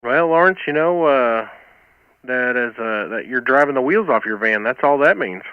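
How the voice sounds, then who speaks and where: A man's voice: mid-range voice, animated, normal speed, clean tone, no echo, phone-quality sound. An American man hosting an amateur radio net, chatting casually and calling for check-ins over a two-way radio. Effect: heard over amateur two-meter radio. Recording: band-limited two-way radio.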